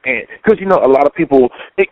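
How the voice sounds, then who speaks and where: An excitable male podcast host, calling in over a phone line. He laughs a lot and stumbles over repeated words. The sound is a little dull and very dry. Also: mid-range voice, fast talker, no room sound. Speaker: sports blog show host. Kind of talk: casual podcast interview.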